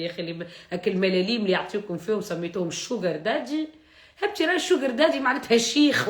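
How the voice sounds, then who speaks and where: A woman with a Tunisian accent hosts a casual live stream, teasing and joking. She laughs often. Her voice sits at a middle pitch in a roomy, echoing space. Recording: roomy echo.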